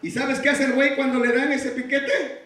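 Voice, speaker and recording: A man preaching a sermon in a very high, bright voice. He asks rhetorical questions and builds toward shouted exhortations. The voice comes from some way off the mic and rings through a very echoey church hall. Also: flat delivery, normal speed, far from the mic. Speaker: pastor.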